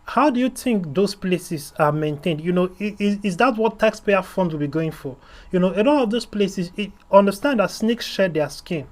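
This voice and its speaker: Male host-reviewer, higher-pitched, blunt and rambling, filler-heavy commentary. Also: expressive, normal speed.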